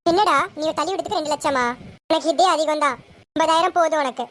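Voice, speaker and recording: An actress playing a scheming young woman in a TV serial, defensive and sharp when cornered. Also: sits high, fast, a little hiss or hum, natural voice. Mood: angry. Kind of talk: Tamil TV serial acting.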